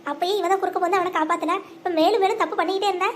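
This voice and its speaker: A high voice playing a stern old village headman. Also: fairly even intonation, very fast, fairly bright tone, a little hiss or hum. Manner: lecturing, scolding.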